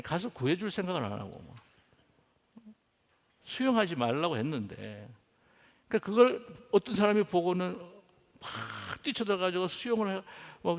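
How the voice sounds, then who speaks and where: A man's voice: sits high, creaky. A man preaching a sermon as pastor, telling stories and acting out their dialogue. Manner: acts out the dialogue of the people in his stories. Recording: long hall reverb.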